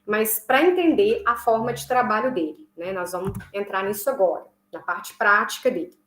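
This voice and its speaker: A woman teaching a recorded online music class, explaining patiently, checking in often with her students, and slowly chanting rhythm syllables as she demonstrates. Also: medium pitch, fairly bright tone, slight background noise. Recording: echoey room.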